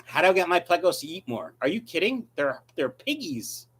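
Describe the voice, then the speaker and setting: A man's voice: a little high, sing-song, a little fast, a bit bright, breathy edge. A man hosting a casual livestream, reading viewer questions and answering them in a blunt, offhand way. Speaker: livestream host, aquarium fish breeder.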